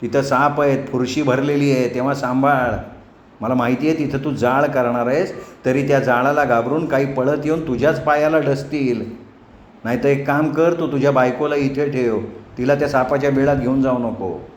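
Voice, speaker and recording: A stern old village grandmother who gives orders and scolds, as a man reads her lines. Her voice sits at a middling pitch and carries a roomy echo with faint noise behind it. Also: fairly even intonation, natural voice. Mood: scolding. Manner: brisk scolding, commanding. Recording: echoey room, faint noise.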